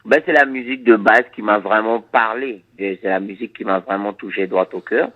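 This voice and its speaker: Speaking at a fairly low pitch, this Surinamese reggae musician, whose native language is Dutch, works through interview questions haltingly and reflectively, repeating words frequently. The sound is tinny and narrow.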